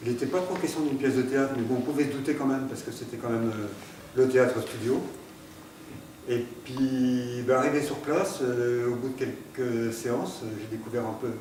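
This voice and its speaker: A man's voice: mid-range voice, a little mellow. A man giving a hesitant, casual account of joining an amateur theatre group, with many fillers. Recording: echoey room, speaking from far off, background noise.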